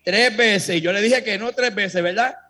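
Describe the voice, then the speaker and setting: A man giving a religious testimony to a congregation, telling his story in a lively way and speaking straight to his listeners. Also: high voice, moderate pace, slightly rough.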